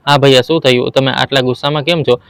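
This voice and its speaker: A man voicing a frightened, innocent young woman who tearfully pleads her case, in a flat, smooth voice. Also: medium pitch, quick pace, dry recording. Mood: pleading.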